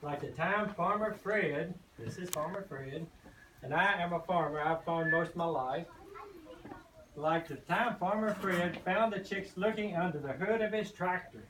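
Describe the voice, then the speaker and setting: Older grandpa voice reading, echoey and distant. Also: male voice, sits high, a little slow. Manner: folksy, explains pictures to children. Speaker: grandfather reading to a first grade class, farmer. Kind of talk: reading a children's storybook aloud with asides. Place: echoey indoor classroom. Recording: roomy, distant microphone, noisy background.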